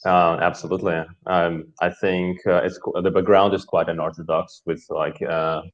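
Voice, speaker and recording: Over a video call, a man from Kazakhstan whose first language is Russian chats casually as a guest, hesitant and philosophical with many fillers. His deep voice keeps a level tone at normal speed, and the call audio is dull and lo-fi.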